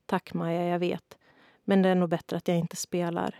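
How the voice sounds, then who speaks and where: A woman voicing a shy, ashamed young boy in a children's storybook who speaks quietly, often in a whisper. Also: lowish voice, completely flat delivery, gravelly, no echo, clean studio sound. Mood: sad.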